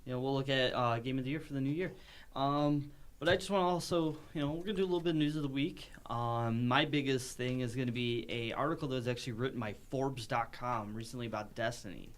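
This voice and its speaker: A man hosting a casual gaming podcast, talking in upbeat quick bursts and restarting his sentences. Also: mid-range voice. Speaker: podcast host.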